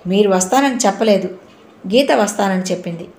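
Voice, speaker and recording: A woman's voice: mid-range voice, a little fast, darkish tone, lightly acted. Breezy young male dancer, talkative and playful, read by a woman narrator; roomy audio. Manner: chatty, mixes English phrases. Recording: roomy echo.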